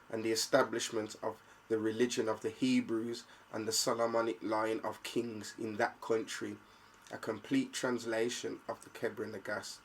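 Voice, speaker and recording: Flat, low-voiced male preacher. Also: a little hiss or hum, rough recording. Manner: steady, measured reading of quoted texts. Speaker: preacher narrating. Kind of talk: read-aloud scripture teaching.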